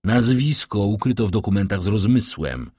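A tense nobleman from a storybook speaks slowly to calm a heated scene, as a man reads him out. The voice is deep and husky. It is recorded close and dry. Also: no echo. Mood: placating.

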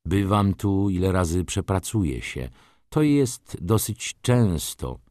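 Reserved merchant, read by a man, terse and understated, low voice, dry close sound. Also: big pitch swings, slow pace, a little mellow, dry recording, heavily acted.

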